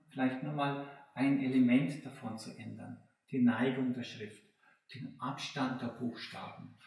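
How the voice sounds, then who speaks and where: A man's voice: mid-range voice, darkish tone, distant mic. Man lecturing in a very echoey room. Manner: thoughtful, searching, asks rhetorical questions. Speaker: anthroposophy teacher. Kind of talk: spoken lecture on spiritual exercises.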